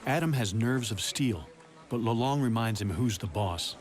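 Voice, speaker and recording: A man's voice: on the low side, expressive, moderate pace. A man reading scripted nature documentary narration in a dramatic, suspense-building way. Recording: loud music under the voice. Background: loud background music.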